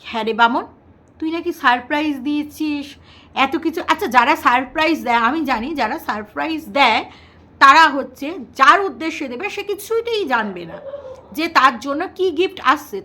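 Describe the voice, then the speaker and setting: A woman's voice: high-pitched, pushed and bright. A woman vlogger, chatting to her viewers in a teasing way and repeating words in a sing-song. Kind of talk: casual commentary to viewers.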